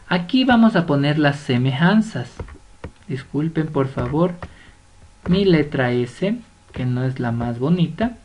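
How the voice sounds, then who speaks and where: With a low, slightly mellow voice, a woman teacher speaking Spanish with an Ecuadorian accent patiently explains a lesson at a slow pace. She draws out example words syllable by syllable and makes sure her students are following.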